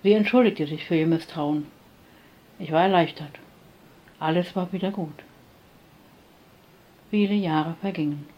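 Soft-voiced woman narrating a story. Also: low voice, unhurried, pauses often, muffled recording. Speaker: audiobook narrator. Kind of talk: scripted first-person story narration.

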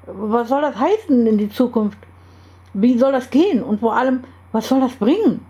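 Woman voicing a stammering skeptic man, high, mellow, read-aloud story. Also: animated, moderate pace, lightly acted. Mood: bewildered. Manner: stammering, agitated questions.

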